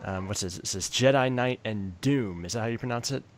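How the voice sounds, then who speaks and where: Man, lowish voice, podcast host, relaxed, halting fillers, faint background noise. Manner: easygoing, leads the talk, hesitant fillers. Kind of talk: casual chat.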